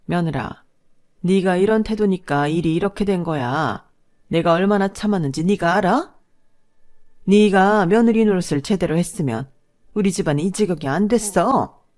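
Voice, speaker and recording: A woman voicing a furious older mother-in-law who scolds and shouts at her daughter-in-law. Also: on the low side, normal speed, natural voice. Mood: shrill scolding.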